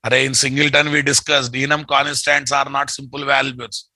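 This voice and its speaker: A middle-aged man with a Telugu accent teaches a live online programming class from a computer in an indoor room, repeating phrases and prompting students with familiar questions. His mid-range voice is pushed and bright, with little pitch movement and a normal speed. The recording is dry.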